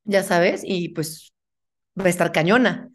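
Slangy, animated Mexican woman. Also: lowish voice, a little slow. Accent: Mexican Spanish. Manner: animated, acts out quoted dialogue, frank and slangy. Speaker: guest. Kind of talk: casual chat.

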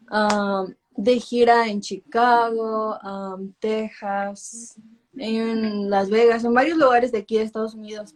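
In a casual interview, a singer of urban music in her twenties mixes Spanish with English filler words. Her voice is mid-range, and the audio quality is poor.

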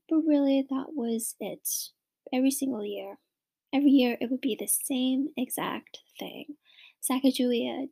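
A woman's voice: on the high side, gravelly, warm tone, husky. A young woman from Washington State hosting a solo podcast in a chatty, upbeat way, with frequent whispery asides. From Washington State, USA. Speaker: podcast host.

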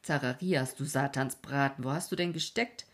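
A woman voicing an eager, excitable young man who exclaims and asks questions. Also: rumbling low, normal speed, voice pushed down. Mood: excited.

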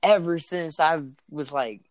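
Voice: medium pitch, measured pace, slight background noise. A speaker in casual chat on a voice call, rambling with many fillers while the bad connection keeps cutting the voice out. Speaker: friend on a voice call.

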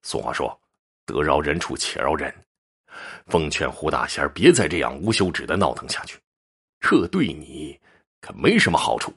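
A man's voice: a bass voice, big pitch swings, normal speed, vocal fry, a bit bright, husky, voice pushed down, full character voice. A man voicing a hot-tempered younger brother who scolds sternly. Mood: angry. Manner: angry, stern.

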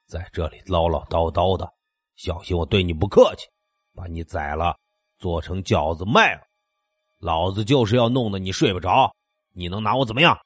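A man's voice: sits low, normal speed, husky, no echo, clean studio sound, soft background music. A man playing a snarling, crude neighbor bully. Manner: crude, threatening, shouting through a door. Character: rude, menacing male neighbor, middle-aged bully.

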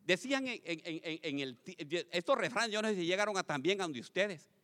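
A man preaching a lively sermon to his congregation as pastor, swinging from loud calls to quiet asides and asking the crowd questions. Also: high voice, fairly quick. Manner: addresses congregation as brothers, asks questions.

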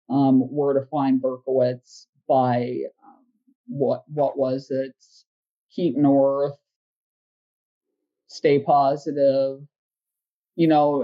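Low-voiced woman analyzing a letter. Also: dull audio. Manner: analytical, thinking aloud with many fillers. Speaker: co-host. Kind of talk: casual podcast discussion.

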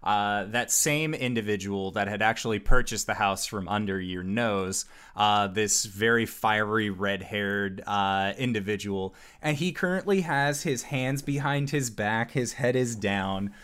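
A man working as game master, improvising scene narration in a halting way. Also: lowish voice, a bit bright, clear, resonant tone. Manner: halting, piecing scenes together.

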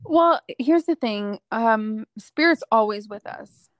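A young adult woman, a psychic medium guest, chatting casually and acting out the dialogue in her stories with lively energy. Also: a little high, slow, dry recording. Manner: lively, acts out quoted dialogue. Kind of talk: casual storytelling chat.

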